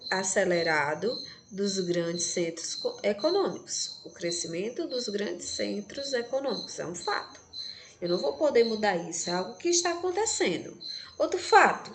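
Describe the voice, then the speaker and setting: A woman's voice: mid-range voice, slight background noise. A Brazilian woman teaching an online class to sixth graders, counting letters aloud and checking that students follow. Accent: Brazilian Portuguese. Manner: slow and didactic, counting aloud and checking understanding.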